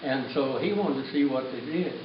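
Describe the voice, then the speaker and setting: A man's voice: mid-range voice, normal speed. An elderly man telling family stories informally, in a rambling, folksy, jokey way. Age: 80s. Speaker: family elder giving a speech at a reunion. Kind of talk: informal storytelling speech. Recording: muffled, distant, echoey room with crowd noise. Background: crowd noise.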